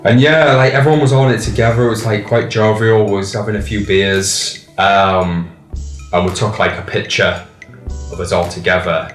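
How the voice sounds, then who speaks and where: A man, a band member speaking reflectively and haltingly in a documentary interview. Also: lowish voice, fairly even intonation, reverberant, recorded from a distance, faint music behind.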